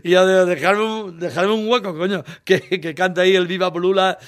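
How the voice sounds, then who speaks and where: A man's voice: high-pitched, steady tone, a little fast, no echo, studio quality. A Spanish man in his sixties from Valencia, a singer telling childhood stories in an interview, rambling and laughing as he acts out voices. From Valencia, Spain.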